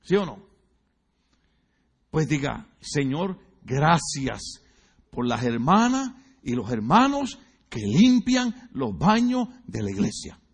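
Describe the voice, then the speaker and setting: A man's voice: a little high, sing-song, slow pace, slightly rough. A male pastor preaching a sermon in a church, joking and teasing the congregation and asking them questions. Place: church sanctuary.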